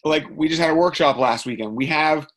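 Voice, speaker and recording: A man's voice: on the high side, fast talker, noisy background. A man giving a motivational training talk to his sales team, emphatic and repetitive. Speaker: team leader.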